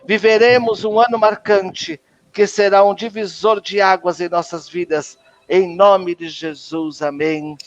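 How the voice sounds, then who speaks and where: Brief: Brazilian male host, high voice, solemn declamatory prayer reading, emotional. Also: steady tone, unhurried, dull audio. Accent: Brazilian Portuguese. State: choked with emotion.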